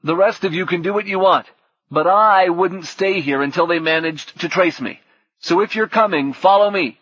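Guy doing a feverish young hero, higher pitched, pushy and pleading, dull dry recording. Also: moderate pace, a bit bright, slightly rough, dry recording. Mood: insistent. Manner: pleading, insistent. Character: feverish, determined young man.

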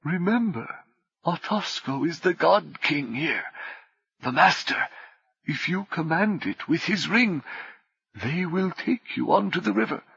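A man reading the part of an urgent, grave male guardian figure in a gravelly, husky, formal voice. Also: fairly high pitch, animated, measured pace, fairly bright tone, dry recording, pitched above the performer's own voice, full character voice. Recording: dull dry studio recording.

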